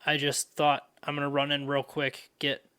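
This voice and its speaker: Slightly high-voiced young man telling a story. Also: monotone, moderate pace, bright, forceful tone, clear, resonant tone. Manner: loose, profane storyteller with lots of fillers. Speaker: podcast host. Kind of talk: casual podcast storytelling.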